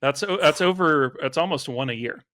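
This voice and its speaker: Co-hosting a sports podcast, this man talks animatedly and fast, reeling off statistics with plenty of fillers in casual chat. His voice is a little high, and the recording is dry and studio quality.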